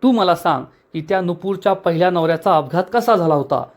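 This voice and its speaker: A man's voice: high voice, expressive, fast. A man voicing a scheming, bossy woman of the house who gives curt orders. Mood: stern scheming. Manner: curt, commanding.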